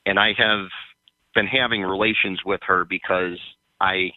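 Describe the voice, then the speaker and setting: A man calling in to a radio show over a phone line, talking in a hesitant, halting way with many fillers. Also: deep voice, fairly even intonation, no room sound. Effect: heard over a phone line. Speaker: caller. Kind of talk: call-in conversation. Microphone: phone held by the caller.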